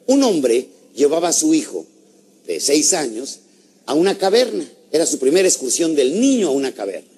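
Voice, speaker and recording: A man giving a lively motivational talk, asking his audience questions and acting out little stories. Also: on the high side, normal speed, husky. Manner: animated, asks the audience questions, acts out stories. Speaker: motivational speaker.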